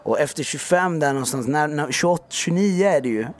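Candid man in his thirties, slangy. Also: fairly high pitch. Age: 30s. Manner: slangy, frank, animated retelling. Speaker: podcast guest. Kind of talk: casual candid storytelling.

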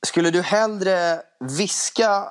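A young man co-hosting a podcast in casual chat, teasing and quick to laugh. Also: sits high, a little hiss or hum. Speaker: podcast co-host.

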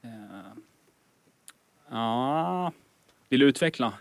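Man as quiz contestant; self-deprecating, unsure, gravelly tone. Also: medium pitch, dry recording. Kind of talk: casual live quiz banter.

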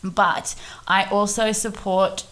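A woman's voice: medium pitch, flat delivery, slow pace, a bit bright. A young woman from Australia co-hosting a podcast, talking candidly in casual chat and laughing often. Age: young adult. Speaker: podcast co-host.

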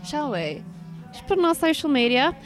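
A woman's voice: sits high, big pitch swings, a little fast, music in the background. A woman co-hosting a casual podcast in a pub, playfully running a quiz and teasing her friend. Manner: playful, giggly, teasing quizmaster. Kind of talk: casual chat.

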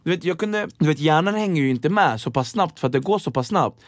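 A young man appearing as a podcast guest spins stories in relaxed conversation, performing the lines of each character he describes with lively flair. His voice runs a little high, heard in studio-quality sound with no echo.

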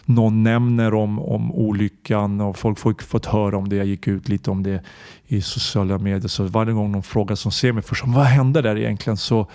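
A man's voice: fairly low pitch, flat delivery, a little mellow, clean tone, dry recording, studio quality. A man hosting a podcast, talking earnestly and reflectively in a personal monologue and searching for his words. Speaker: podcast host.

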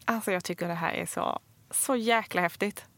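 A Swedish woman co-hosting a podcast, reacting with warm excitement to her friend's story. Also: lowish voice, dry recording. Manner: warm, encouraging listener, short excited reactions. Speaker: podcast co-host. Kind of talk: casual chat.

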